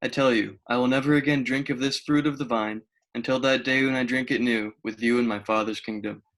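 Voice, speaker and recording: A man's voice: mid-range voice, fairly even intonation, fairly quick, fairly bright tone, natural voice. A man reading the part of Jesus, a solemn teacher, in an amateur dramatized scripture reading. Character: Jesus, solemn male teacher foretelling his fate.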